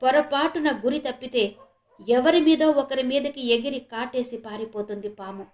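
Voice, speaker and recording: A woman from India reading a serialized horror novel aloud as a storyteller, steady and dramatic. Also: high-pitched, moderate pace. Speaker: storyteller, channel host. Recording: roomy echo.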